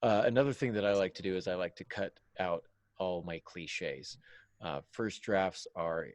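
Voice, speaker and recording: A podcast host who writes fiction discusses writing tips casually, joking and poking fun at himself. His voice sits low, he speaks at a normal speed, and there's no room sound.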